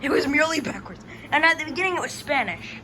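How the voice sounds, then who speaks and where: A young female interviewer chats casually, asking questions about reactions in a high, expressive voice at a quick pace. It's a noisy home recording with crowd noise in the background.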